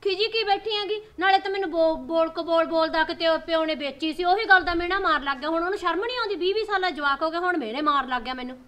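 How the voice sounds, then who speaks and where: A woman's voice: very high voice, fast talker, hardly any pauses, fairly bright tone. A woman playing an aggrieved village mother. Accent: rural Malwa Punjabi. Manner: emotional, complaining outpouring. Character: troubled village wife and mother. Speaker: mother worried about her daughter's marriage.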